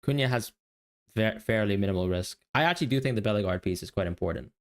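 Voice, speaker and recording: A low-voiced man co-hosting a podcast in casual, analytical chat. He thinks aloud, rambling and correcting himself as he goes. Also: quick pace. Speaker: podcast co-host.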